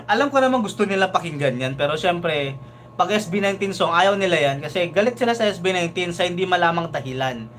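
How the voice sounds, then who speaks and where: A man hosting a casual live reaction stream, talking in an animated, chatty way and often asking "di ba?". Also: sits high, a little hiss or hum. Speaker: reaction video host.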